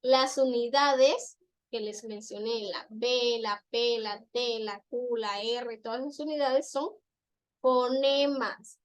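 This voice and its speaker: A woman gives a classroom lecture. Her voice sits high, and she explains patiently, saying each example slowly and more than once. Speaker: teacher.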